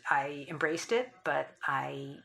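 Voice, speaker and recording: Taking her time, a deep-voiced middle-aged woman with vocal fry talks animatedly yet thoughtfully in a conversational interview. She's a philanthropist and ex-professor who frequently restarts sentences and gives soft laughs, with slight background noise present.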